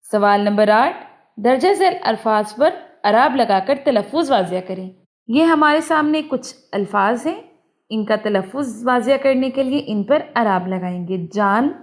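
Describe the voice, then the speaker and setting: Female teacher with a slightly high voice, doing a careful, clear textbook walkthrough. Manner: clear, deliberate, reading word lists aloud.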